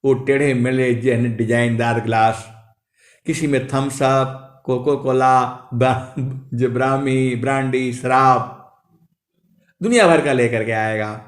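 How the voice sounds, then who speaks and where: A man in his late fifties, a spiritual preacher telling anecdotes with a chuckle and chanting couplets in a long, drawn-out tune. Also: medium pitch, fairly even intonation. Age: late 50s. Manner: drawn-out sung recitation of couplets between anecdotes; chuckles while telling stories. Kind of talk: storytelling sermon with chanted verses. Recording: echoey room.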